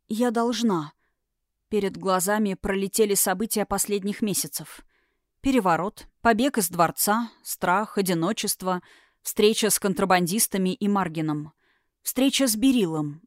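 A woman narrating a fantasy audiobook in a dramatic, expressive way, getting louder at tense moments. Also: medium pitch, no echo, studio quality.

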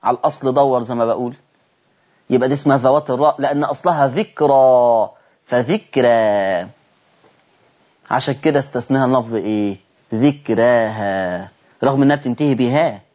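Animated Egyptian sheikh teaching recitation. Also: male voice, medium pitch, rapid-fire, lo-fi sound. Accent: Egyptian Arabic. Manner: animated, asks listeners rhetorical questions. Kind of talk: televised recitation lesson.

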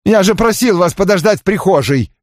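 A man's voice: high voice, big pitch swings, moderate pace, no echo, clean studio sound, pitched above the performer's own voice. A man voicing a stiff, angry middle-aged man who snaps curtly in an audiobook reading. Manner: curt, snapping.

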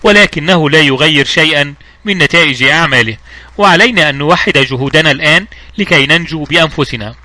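A man reading the part of a calm, authoritative elderly judge, speaking in measured, clear words. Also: a little high, no room sound. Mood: commanding. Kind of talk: audiobook reading.

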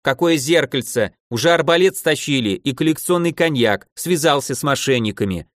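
A man's voice: on the high side, expressive, moderate pace, a bit bright, no room sound, studio quality. A man voicing a boisterous old archmage stuck in a child's body, who bellows gleefully and scolds in a wheedling tone. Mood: indignant.

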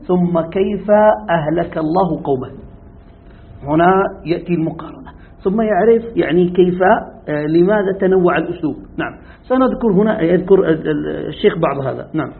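A man's voice: high-pitched, fairly quick. A man teaching a commentary lesson, often asking his students if they follow and posing questions to them. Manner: keeps asking students if it's clear; poses rhetorical questions. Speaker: sheikh teaching Quran commentary. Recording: tinny phone-like audio.

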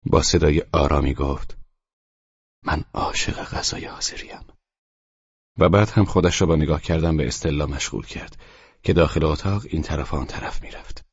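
Calm male narrator for a novel, husky and very deep, close and dry. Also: no echo. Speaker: audiobook narrator. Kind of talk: scripted narration. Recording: dull, dry studio read.

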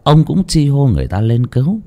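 A man's voice: medium pitch, sing-song, brisk, mellow. A man narrating a ghost story in a dramatic, vivid way.

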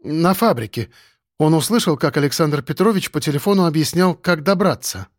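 A man reading the part of a frightened middle-aged woman boss, speaking slowly and timidly. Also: on the high side, expressive, dry recording, clean studio sound, close to an everyday voice. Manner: faltering, slow and timid.

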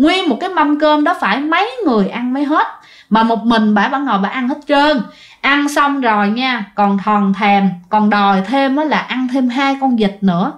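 Young southern vietnamese woman telling a ghost story, chatty, kinda high voice. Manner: chatty, addresses listeners directly, lots of fillers. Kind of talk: spoken ghost story narration.

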